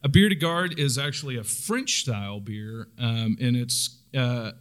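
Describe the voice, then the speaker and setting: A man talking casually as a podcast host, relaxed and rambling with lots of fillers. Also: mid-range voice, unhurried, smooth. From Oklahoma. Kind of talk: casual chat.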